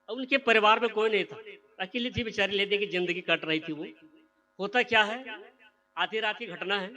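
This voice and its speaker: This is a male preacher, delivering a sermon. His voice sits high and bright. He tells a parable and gives each character their own spoken lines. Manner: storytelling, acts out the characters' lines.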